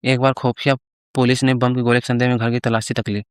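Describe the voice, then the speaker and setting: A gluttonous rival priest, as a man telling the story puts him on, sulky and boastful as he trades brags. The voice is clear and resonant, recorded close with no room sound. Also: medium pitch, flat delivery, brisk, dry recording, close to an everyday voice.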